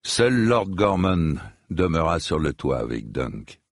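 A man reading a fantasy novel aloud in measured, grave storybook narration. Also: rumbling low, sing-song, no echo, clean studio sound. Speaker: audiobook narrator.

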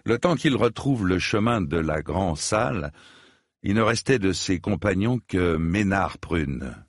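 A man reading a fantasy novel aloud in measured, grave storybook narration. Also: sits low, expressive, no echo, clean studio sound. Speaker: audiobook narrator.

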